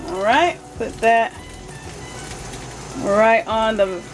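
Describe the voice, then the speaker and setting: A woman's voice: fairly high pitch, very slow, faint music behind. A woman, talking casually to viewers in her cooking vlog, chatty and full of fillers. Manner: chatty, talks straight to viewers as "y'all", with fillers. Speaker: cooking vlogger.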